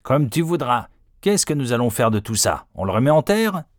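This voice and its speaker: A man voicing a greedy male crook, the eager sidekick, talking in a keen, excited way. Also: mid-range voice, normal speed, no echo, clean studio sound, voice pushed up, close to an everyday voice.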